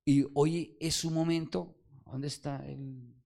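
A man preaching a Sunday sermon, calling out to the congregation and swinging from loud exhortation to quiet low asides. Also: little pitch movement, slow pace, vocal fry. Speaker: pastor. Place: church service.

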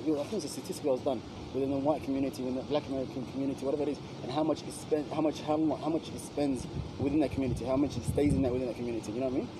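A man's voice: medium pitch, steady tone, very fast. A man in casual chat who rambles and swears often, with many fillers. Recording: outdoor traffic noise.

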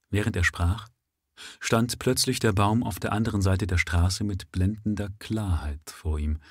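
A man reading a literary story aloud live at first sight, in a measured manner. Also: on the low side, breathy edge, no room sound, studio quality. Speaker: reader.

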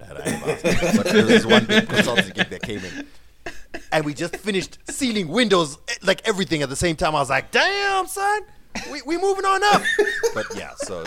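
A man's voice: medium pitch, noisy background. A man co-hosting a podcast, teasing the others and laughing a lot in casual chat. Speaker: podcast co-host.

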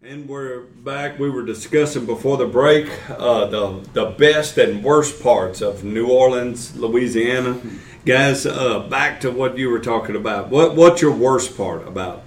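A man's voice: medium pitch, measured pace, far from the mic, faint music behind. Man hosting a roomy church talk show. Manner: conversational, with frequent restarts and fillers. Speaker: host. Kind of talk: casual church podcast chat.

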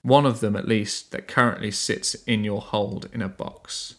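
A man narrating an improvised tabletop game as game master, halting as he searches for words. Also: lowish voice, steady tone, a bit bright.

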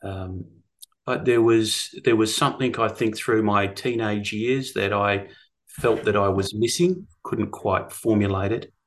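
A man's voice: on the low side, a little slow, a bit bright, a little hiss or hum. A middle-aged man with an Australian accent, telling his story reflectively in a hesitant, thoughtful way. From rural Australia. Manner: hesitant, thoughtful phrasing with repeated words. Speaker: guest, course teacher. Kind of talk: reflective personal storytelling in conversation.

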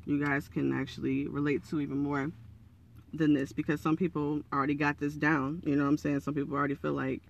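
Male podcaster, raspy and hoarse, crackly fry, slightly high pitch, earnest, encouraging, casual monologue. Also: flat delivery, brisk. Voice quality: raspy, froggy morning voice. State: hoarse from early morning. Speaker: podcast host.

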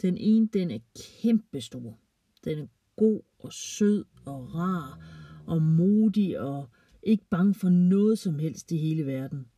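A woman gently reading a children's story aloud, playfully voicing the characters. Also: fairly low pitch, lively intonation, husky, no room sound, recorded from a distance.

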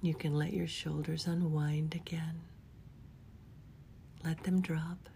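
A woman leading a guided relaxation in a soft, soothing whisper, gently giving unhurried instructions. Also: low-pitched, level tone, gravelly, a little hiss or hum. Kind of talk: whispered guided body-scan meditation.

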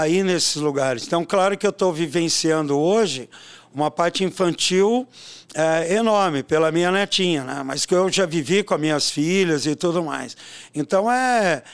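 Older man with a high, smooth voice. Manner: animated storyteller, peppers talk with tag questions. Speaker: swimming coach and educator. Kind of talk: casual interview talk.

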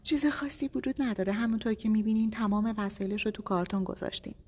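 A woman's voice: mid-range voice, a little mellow, slightly rough, pitched above the performer's own voice, close to an everyday voice. A woman voicing a chatty female hospital worker who talks conversationally. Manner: conversational, lightly surprised. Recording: long echoey reverb.

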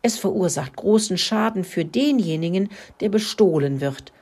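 A woman voicing a gentle, wise little female creature in a storybook reading, patiently explaining. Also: medium pitch, expressive, moderate pace, slightly rough. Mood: lecturing. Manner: patient, lecturing.

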